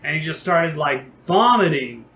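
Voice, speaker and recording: A young man co-hosting a podcast, telling a long, rambling, profane story in a casual, animated way. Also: a little high, moderate pace. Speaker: podcast co-host. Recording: roomy echo, faint background noise.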